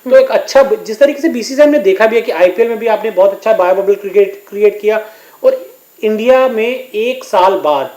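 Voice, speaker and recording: A man's voice: high-pitched, animated, moderate pace, a little mellow, reverberant, poor audio. A man reporting as a sports correspondent in a news discussion, giving detailed explanations.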